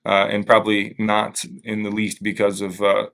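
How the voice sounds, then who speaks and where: A man speaking as an interviewed museum staffer, explaining things thoughtfully and carefully in a halting, hesitant way. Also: lowish voice, completely flat delivery, creaky, fairly bright tone.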